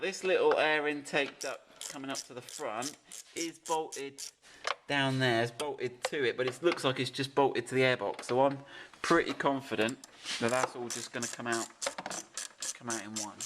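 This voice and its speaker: A man's voice: mid-range voice, noisy background. A man casually explaining a car fitting job step by step while directing helpers beside an open engine bay. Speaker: presenter of a car fitting video. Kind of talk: casual hands-on how-to explanation.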